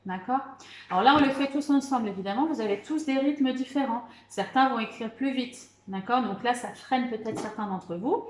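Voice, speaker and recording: Patient woman teacher spelling slowly. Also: a little high, reverberant, a little hiss or hum. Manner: slow, patient, spells words letter by letter; encouraging, repeats "d'accord" and "très bien". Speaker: primary school teacher. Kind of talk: remote spelling lesson for children.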